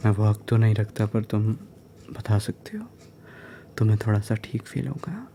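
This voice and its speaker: A man doing a whispered role-play as a caring neighbour, soothing and gentle, mixing English phrases into his Hindi. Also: fairly low pitch, big pitch swings, creaky, slight background noise. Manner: soft, soothing, slow. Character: caring male neighbour comforting a crying woman. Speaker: ASMR role-play creator.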